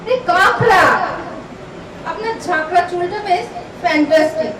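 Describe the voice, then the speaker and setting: A woman's voice: very high voice, moderate pace, crowd noise. A young woman with an Indian Bengali accent playing a bold, teasing prospective bride in a light romantic comedy drama, chatty and bossy. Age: young adult. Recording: echoey room, distant mic, clear background noise.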